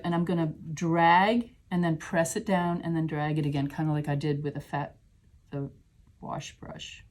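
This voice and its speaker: A woman with a deep, slightly mellow voice leads a live watercolor class. She chats as she paints, explaining each step of the demonstration.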